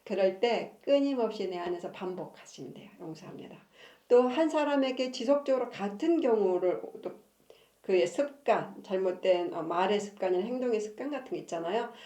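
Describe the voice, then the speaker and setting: Lady counselor chatting about marriage, laughs a lot, soft warm voice, echoey room. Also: mid-range voice, lively intonation, brisk. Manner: chatty, laughs often between sentences. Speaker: family counselor and channel host. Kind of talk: casual talk on marriage, reading from her own book.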